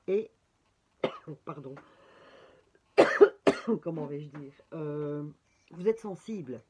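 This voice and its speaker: Deep, darkish and slightly rough, this tarot reader's voice has lively intonation even though she speaks extremely slowly. She has a Belgian French accent and chats through a casual horoscope reading with cards, peppering it with fillers and exclamations.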